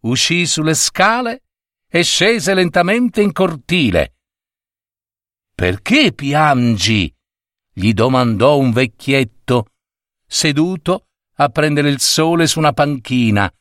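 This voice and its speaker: A man reading a children's story aloud in an expressive, unhurried way. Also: a little high, dry recording, studio quality. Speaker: narrator.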